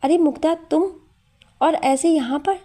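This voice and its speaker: A caring young housewife in an audio story, voiced by a woman. She speaks gently and affectionately in a slightly high, mellow voice. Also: unhurried.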